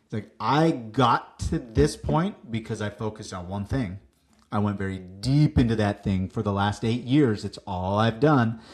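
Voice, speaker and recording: A man telling stories as a guest on a business podcast, lively, acting out what people said, with some casual swearing. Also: fairly low pitch, measured pace. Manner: animated, acts out quoted dialogue, casual swearing. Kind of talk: casual interview storytelling.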